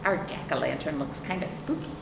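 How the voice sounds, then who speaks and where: This storytime host has a deep voice and talks a little fast as she reads expressively to children, stopping to pose easy questions. Her audio comes from a far-off microphone in a roomy, noticeably noisy space.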